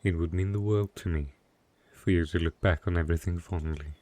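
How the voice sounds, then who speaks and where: In an intimate fantasy audio roleplay, a man voices a lonely dark knight, gentle yet possessive, speaking softly and haltingly with a tender, wistful mood. His voice sits low with fairly even intonation, close to how he'd normally talk.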